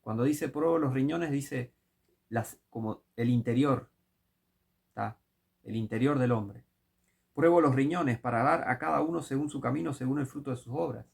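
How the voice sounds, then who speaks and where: A man's voice: mid-range voice, moderate pace, gravelly, breathy edge. A man preaching a sermon, emphatic and full of rhetorical questions.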